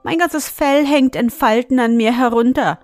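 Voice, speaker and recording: A woman voicing a grumpy, stingy male hamster farmer in a storybook reading, speaking gruffly, loudly and with constant complaints. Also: a little high, normal speed, no echo, faint music behind, lightly acted. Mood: grumbling.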